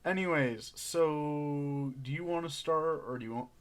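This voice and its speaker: A young man co-hosting a casual podcast, rambling with many pauses and laughs as he tells stories. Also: on the high side, smooth. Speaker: podcast co-host.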